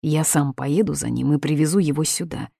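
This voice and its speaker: Woman reading a steady calm father, matter-of-fact, low and mellow. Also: a little fast, vocal fry, breathy edge, dry recording, studio quality, heavily acted.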